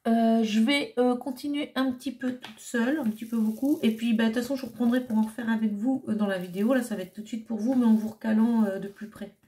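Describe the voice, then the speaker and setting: A woman's voice: a little high, fairly even intonation, fast, few pauses, dark tone. A woman chatting casually at home while assembling a craft kit, thinking aloud with fillers and small "tac" sounds. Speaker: crafting vlogger. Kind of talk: casual hands-on crafting chat.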